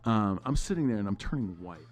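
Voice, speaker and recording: Low-voiced man telling a story. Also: fairly quick, soft background music. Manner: animated storyteller, drops to a low mutter for asides. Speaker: podcast host. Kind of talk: casual chat. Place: studio suite.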